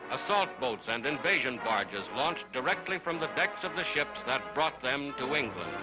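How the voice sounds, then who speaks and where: A man narrates an old newsreel, declaiming each line in a grand, scripted delivery. His pitch sits in the middle of the range. Loud music plays under his voice. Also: very animated, normal speed, low-quality recording.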